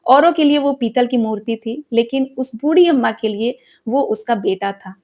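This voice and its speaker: A woman's voice: on the high side, moderate pace, a little mellow. A woman narrating a devotional folk story in an earnest, dramatic way.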